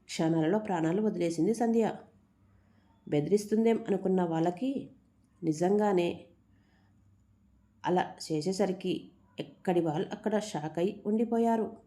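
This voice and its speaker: A woman narrating a serialized story in a steady, dramatic way. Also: fairly low pitch, moderate pace, pauses often.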